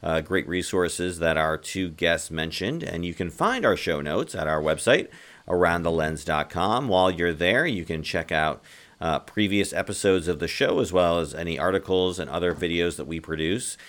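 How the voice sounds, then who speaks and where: A man's voice: deep voice, moderate pace, a bit bright. A man hosting a podcast, upbeat as he puts questions to guests and wraps up the show. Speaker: podcast host.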